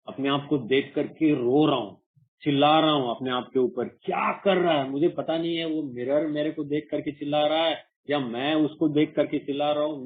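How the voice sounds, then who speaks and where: A man from India speaks at a mid pitch, giving an earnest personal testimony with lots of repetition. The sound is thin and phone-like, as on an online call. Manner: earnest, repetitive, acts out his own past voice. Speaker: recovering alcoholic sharing at a meeting.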